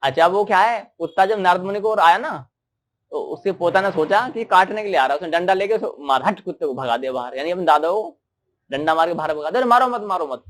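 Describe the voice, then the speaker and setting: Brief: male sermon storyteller, high voice, lively and questioning. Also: brisk. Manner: animated, asks the listeners questions. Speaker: storyteller preacher.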